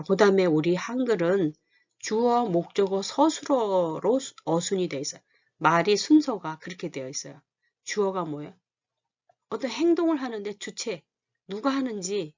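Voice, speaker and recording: A woman's voice: lowish voice, a little mellow. A woman giving a lesson, explaining points and often asking the class questions, then answering them herself. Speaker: Korean language teacher. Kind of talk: explanatory lecture. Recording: dull lo-fi recording.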